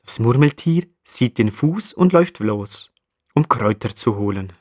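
A man narrating a children's story in a calm, evenly read way. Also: medium pitch, unhurried, dry recording, studio quality.

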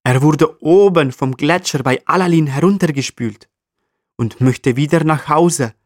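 A man's voice: on the high side, measured pace, pitched above the performer's own voice, lightly acted. A man voicing an itchy, grumpy male marmot in a children's story. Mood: eager. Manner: annoyed, then eager.

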